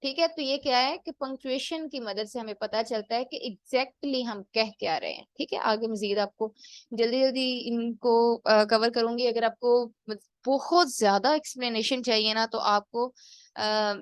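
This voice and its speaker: A woman's voice: a little high, a little slow, no room sound. A woman teaching punctuation in an online lecture, mixing terms into her explanation and checking in with "theek hai". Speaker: English teacher.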